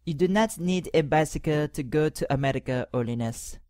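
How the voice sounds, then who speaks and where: An actor playing a power-hungry cardinal who talks to the pope in a condescending, mock-polite way in an audio drama. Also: male voice, fairly high pitch, brisk, darkish tone, no echo, studio quality, close to an everyday voice. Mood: sneering.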